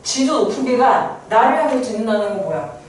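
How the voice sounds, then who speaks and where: A woman's voice: fairly high pitch, expressive, a little hiss or hum. Chatty woman teacher in an echoey room. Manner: chatty and playful, asks students quick questions. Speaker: Korean literature teacher. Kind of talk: lecture explaining a poem. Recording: echoey room heard from a distance.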